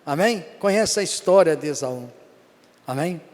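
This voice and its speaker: A Brazilian pastor with a fairly high voice preaching to his congregation. He tells stories animatedly and keeps checking in with them. The long reverb of the church hall hangs on every phrase. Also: a little slow. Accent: Brazilian Portuguese. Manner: animated storytelling, frequent "amém?" to the congregation. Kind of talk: sermon. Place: church service.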